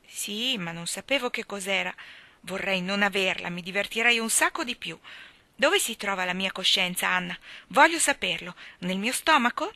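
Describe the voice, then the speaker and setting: A woman's voice: medium pitch, lively intonation, normal speed, sharp tone, dry recording. A woman reading an audiobook, voicing a mischievous, contrite small boy in an emphatic, pleading way. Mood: anxious. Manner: pleading, emphatic childlike delivery.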